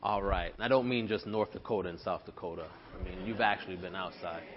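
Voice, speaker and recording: A man's voice: low voice, fairly even intonation, fairly quick, a crowd in the background. A young man preaching a sermon as pastor, casual and conversational, with many fillers and restarts. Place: church sanctuary. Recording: reverberant hall, dull lo-fi sound.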